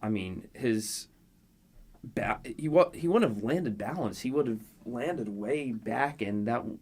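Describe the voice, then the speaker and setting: A man talking as a guest basketball analyst, measured and detailed. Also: mid-range voice, lively intonation, darkish tone, husky. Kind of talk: sports analysis chat.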